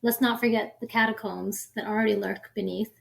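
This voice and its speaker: A woman's voice: medium pitch, steady tone, fairly quick, vocal fry. A woman co-hosting a podcast, chatting casually and eagerly. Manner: enthusiastic, gushing. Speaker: podcast co-host. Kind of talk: casual chat.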